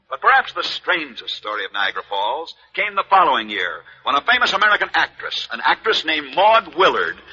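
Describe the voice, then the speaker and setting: Man, old newsreel radio host, forceful husky voice, dull lo-fi broadcast sound. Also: a little high. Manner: punchy, dramatic storytelling delivery. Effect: old newsreel-style radio broadcast sound. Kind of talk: dramatic 1940s radio newsreel narration.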